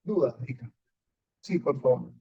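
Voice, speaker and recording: A man's voice: medium pitch, expressive, a little slow, slightly rough. A man teaching a Bible class as a pastor, emphatic and often questioning his listeners. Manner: emphatic, asks the audience often, rising and falling sharply. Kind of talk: sermon-style Bible teaching with congregation questions. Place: church meeting room. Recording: dull lo-fi church recording.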